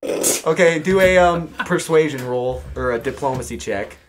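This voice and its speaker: A man's voice: fairly high pitch, normal speed. A man running a tabletop role-playing game for friends in a casual, joking, crude style. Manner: informal, joking, crude humor. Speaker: game master. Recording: noisy room recording with clicks.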